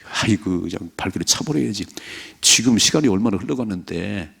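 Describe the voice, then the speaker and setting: A middle-aged man preaching at dawn in a church, his low voice gravelly and husky. He presses his points hard and acts out the scripture's dialogue in a raised voice. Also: lively intonation, brisk, a bit bright. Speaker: pastor. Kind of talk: early morning sermon. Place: church sanctuary.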